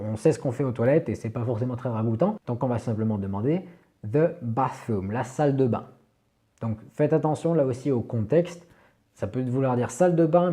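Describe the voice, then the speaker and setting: French guy teaching english sounds, super dark tone, voice goes up and down a lot, repeats words slow. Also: mid-range voice. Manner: patient, repeats English words slowly for learners. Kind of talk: explanatory video lesson.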